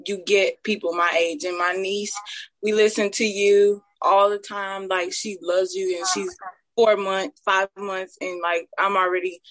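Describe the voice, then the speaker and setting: A woman's voice: medium pitch, little pitch movement, unhurried, a bit bright, no echo, rough recording. A young woman calls in to the show, her voice dry and close with no room sound. She gushes with praise in casual chat, dropping "like" into nearly every phrase. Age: young adult. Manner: gushing, fills her speech with "like". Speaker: caller.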